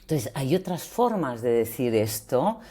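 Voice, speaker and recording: A woman, a voice coach explaining ideas in an interview, expressive and acting out example phrases. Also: a bass voice, a little slow, breathy edge.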